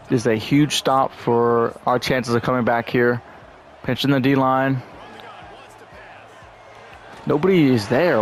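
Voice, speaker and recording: A young man giving casual gameplay commentary, frustrated and profane, now and then shouting at the game. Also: mid-range voice, a little hiss or hum. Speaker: gaming YouTuber.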